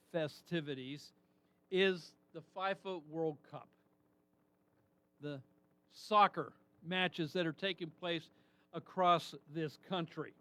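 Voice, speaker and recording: A man's voice: high-pitched, fairly bright tone, smooth, no room sound. A man hosting a talk radio show, delivering an indignant, emphatic monologue full of rhetorical questions.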